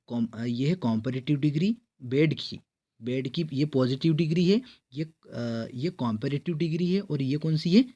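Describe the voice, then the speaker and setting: A man's voice: mid-range voice, dark tone. A man teaching an exam-prep grammar lesson, explaining step by step and asking and answering his own questions. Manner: reads English quiz sentences slowly and clearly.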